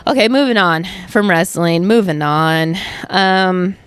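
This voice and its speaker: A woman's voice: on the low side, slow pace, clear, resonant tone, no room sound. Emphatic woman chatting on a podcast. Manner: emphatic, heavy use of "like", swears casually. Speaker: podcast host. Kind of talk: casual podcast chat. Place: at home on a couch.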